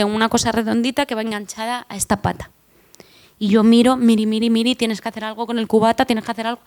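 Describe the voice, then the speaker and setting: On a conference stage before an audience, a young woman from Madrid tells humorous personal stories in a slightly high voice with a Madrid Spanish accent. She's chatty and self-deprecating, joking at her own expense and throwing asides to the crowd.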